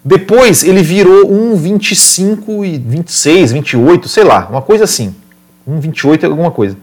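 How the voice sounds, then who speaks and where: A Brazilian man with a slightly high voice talks like an informal motorsport commentator. He recounts racing in an animated, spontaneous way, circling back on words and checking in with short tag questions. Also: normal speed. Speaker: motorsport podcast or stream host. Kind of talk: casual motorsport commentary, retelling a past race.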